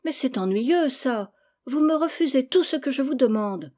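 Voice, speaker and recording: A spoiled, willful little girl pleads and demands in a raised, whiny voice. Her tone stays soft and mellow despite the insistence, as a woman reader puts her on. The reading is an audiobook. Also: sits high, animated, normal speed, pitched above the performer's own voice. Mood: pleading.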